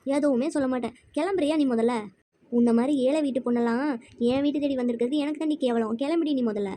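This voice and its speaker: A woman's voice: sits high, close to an everyday voice. [name], a woman playing a snobbish rich schoolgirl. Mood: scornful. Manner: sharp, dismissive, quick talk. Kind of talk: church kids' skit acting.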